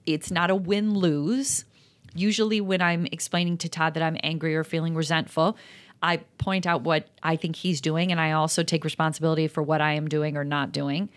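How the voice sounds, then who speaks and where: A woman's voice: low-pitched, steady tone, moderate pace. A woman co-hosting a talk show as a therapist, speaking earnestly and reflectively in a casual, chatty way with many fillers. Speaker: podcast co-host and therapist. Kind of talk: casual conversational advice.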